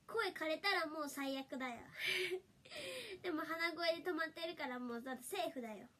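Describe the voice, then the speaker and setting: A woman's voice: sits high, a bit bright. A young woman with a nasal, stuffy voice from a summer cold, chatting playfully and laughing often on a livestream. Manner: giggly and playful, frequent laughter. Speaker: idol livestreamer. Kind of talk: casual livestream chat reading comments.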